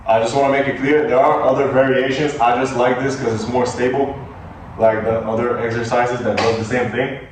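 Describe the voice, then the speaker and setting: A man's voice: medium pitch, little pitch movement, fairly quick, noisy background. A man, not a native English speaker, with an American-leaning accent, casually coaching a workout as a fitness vlogger. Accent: American-leaning English of a non-native speaker. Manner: loose, filler-heavy, talks like a gym buddy. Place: gym. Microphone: camera on a tripod at a distance. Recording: very echoey gym, distant camera mic, faint ambience.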